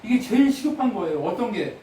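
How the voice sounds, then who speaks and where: In a big, reverberant church sanctuary, a pastor with a high voice preaches quickly and warmly, his pitch swinging widely. He peppers the congregation with questions and cries out brief pleading prayers, raising his voice to act them out. He sits some distance from the mic, with a faint murmur and slight background noise.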